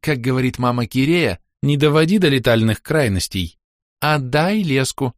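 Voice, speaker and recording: A man's voice: mid-range voice, expressive, moderate pace, no echo, studio quality, voice pushed up, close to an everyday voice. A man voicing a stubborn teenage girl, a young goddess who insists on getting her way in an audiobook. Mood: demanding. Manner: insistent, demanding.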